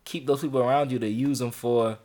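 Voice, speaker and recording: A man co-hosting a casual podcast chat who speaks in a laid-back, halting way with many fillers. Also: medium pitch, fairly even intonation, darkish tone. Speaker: podcast co-host.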